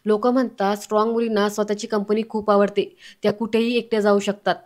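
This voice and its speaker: A woman's voice: mid-range voice, flat delivery, a little fast, a little mellow, close to an everyday voice. A woman reading the lines of a protective, emotional adult woman in an earnest, pleading tone.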